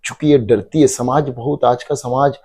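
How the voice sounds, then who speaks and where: A man's voice: medium pitch, steady tone, normal speed, darkish tone, breathy edge. A man, a candidate answering interview questions in an assertive, rhetorical way. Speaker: election candidate, social worker.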